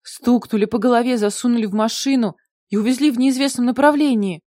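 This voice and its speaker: A distraught, tearful young husband spills out his words in an agitated, pleading rush, as a woman reader puts him on. The voice stays mellow and warm at the bottom, and the sound is dry and close, like a small recording booth. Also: fairly high pitch, fast, no room sound, natural voice. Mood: panicked. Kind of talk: audiobook character voice.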